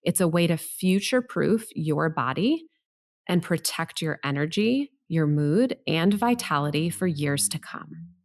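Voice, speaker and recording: A woman's voice: low-pitched, expressive, unhurried. A middle-aged woman hosting a health podcast with upbeat, tidy advice-vlogger delivery, encouraging and organized as she speaks straight to the listener.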